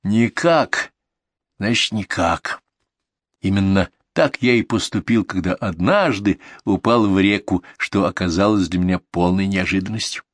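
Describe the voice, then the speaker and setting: A man voicing a gloomy, dignified donkey in an audiobook reading, talking glumly, slowly and deliberately. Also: low voice, no echo, studio quality. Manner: glum, slow, deliberate.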